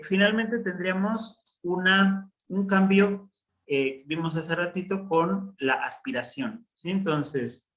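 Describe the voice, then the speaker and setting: A man teaching a Biblical Hebrew class online, explaining slowly and patiently with frequent pauses and fillers. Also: on the high side, fairly bright tone, muffled recording.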